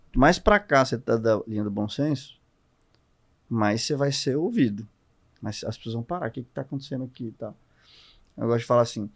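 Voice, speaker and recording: A man with a Brazilian accent, a guest on a podcast, explaining ideas in an animated, expressive conversational way. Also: medium pitch. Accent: Brazilian Portuguese. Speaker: guest entrepreneur.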